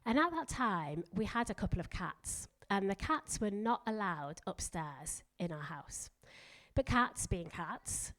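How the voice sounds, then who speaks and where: A middle-aged woman preaching a sermon in a church, emphatic and energetic, leading the congregation in spoken declarations. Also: mid-range voice, a little slow. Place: church hall.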